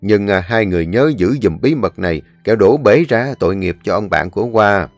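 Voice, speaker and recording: A man's voice: lowish voice, lively intonation, brisk, no echo, soft background music. A man voicing a stern, protective elderly village landlord with a firm, commanding manner. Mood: confiding.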